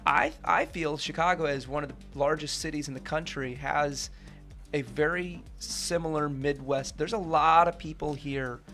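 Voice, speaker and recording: A man's voice: on the high side, moderate pace, fairly bright tone, faint music behind. A man in his thirties, a radio interview guest, speaking earnestly and reflectively with lots of "you know" and "right?". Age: 30s.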